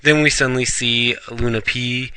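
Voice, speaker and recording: A man's voice: mid-range voice, steady tone, normal speed, sharp tone, smooth, no echo. A man casually reviewing a manga chapter, rambling along with fillers and restarts.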